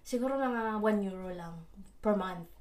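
A woman's voice: mid-range voice, moderate pace, darkish tone. A middle-aged Filipino woman telling personal stories casually, switching between Tagalog and English mid-sentence. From Philippines.

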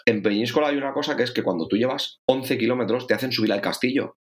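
A man spins a long anecdote in a relaxed podcast chat. His voice sits at an ordinary middle pitch, and he swears freely, acting out what went through his head. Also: quick pace. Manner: lively storyteller who swears and acts out his own thoughts. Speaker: podcast co-host, triathlete. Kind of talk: casual chat.

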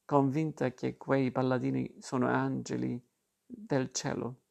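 A man's voice: mid-range voice, level tone, measured pace, gravelly, a little mellow. A man reading a proud, teasing father. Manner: declaiming, teasing.

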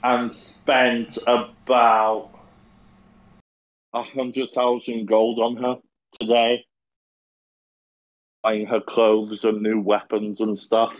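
Slow, rambling man in an echoey room. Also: lowish voice, level tone, dull audio. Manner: rambling, with many fillers. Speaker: podcast host. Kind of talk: casual chat, recounting a tabletop game.

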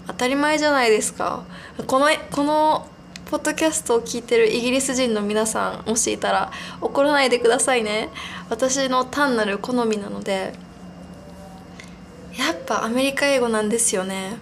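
Chatty, giggly young woman, slightly high. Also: moderate pace, creaky, a little hiss or hum. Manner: chatty, rambling, giggly and self-deprecating. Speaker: podcast host. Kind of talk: casual solo podcast monologue.

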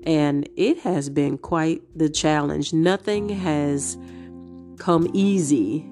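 A woman's voice: sits low, takes it slowly, warm tone. A middle-aged woman hosting her own podcast, sounding congested from a cold and talking unhurriedly with frequent ums. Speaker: podcast host. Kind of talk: casual solo podcast talk. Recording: guitar music playing behind the voice.

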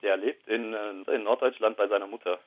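A man in his thirties, a podcast guest, speaking quietly and reflectively, with hesitant pauses, about his own life. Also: fairly low pitch, steady tone. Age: 30s. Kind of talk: candid personal conversation. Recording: tinny phone-line sound.

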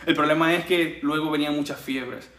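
Pastor guy preaching, highish voice, echoey church room. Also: fairly even intonation, a little fast, a bit bright. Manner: earnest preaching, chuckles between points. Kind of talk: sermon.

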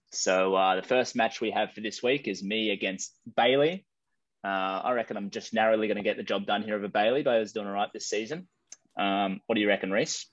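A man's voice: fairly low pitch, a bit bright, no echo. An Australian man hosting a casual podcast chat, heard through a slightly dull mic. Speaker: podcast host.

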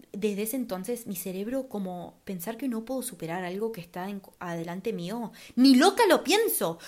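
A young woman hosting a podcast, talking in a chatty, casual way and sprinkling English words into her speech. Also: mid-range voice. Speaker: podcast host.

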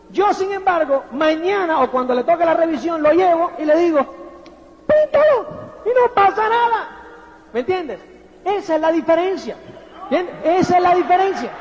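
Male motivational speaker, very high voice, rhetorical and audience-checking, acts out quotes; dull lo-fi recording in a reverberant hall. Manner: rhetorical, keeps asking "¿me entiendes?". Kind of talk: motivational seminar talk.

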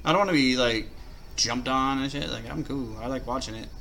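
A man's voice: medium pitch, brisk, crowd noise. A man chatting casually and giving rambling, slangy off-the-cuff commentary as a co-host. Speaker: co-host of a wrestling watch-along.

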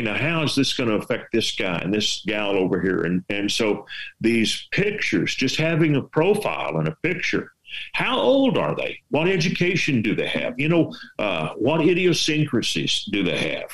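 Fairly low-pitched and fairly bright, a West Texas man's sing-song voice moves at normal speed as he gives casual writing advice. A veteran storyteller and artist with a Texas accent, he rambles folksily and asks many rhetorical questions. The recording is rough.

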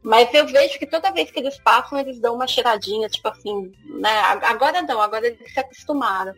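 A Brazilian woman co-hosting a podcast, telling stories about her cats in an animated, casual way. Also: on the high side, fast, slightly rough, soft background music. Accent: Brazilian Portuguese. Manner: animated storytelling.

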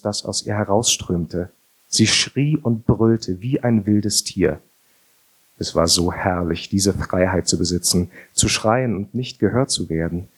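A man narrating an audiobook in a calm, expressive reading. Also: lowish voice, husky. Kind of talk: scripted narration.

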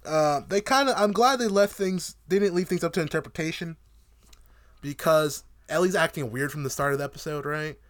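A man's voice: fairly high pitch, a little fast. A young man co-hosting a podcast, ranting in casual, profane, joking TV review chat. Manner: animated, profane, joking rants. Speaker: podcast co-host.

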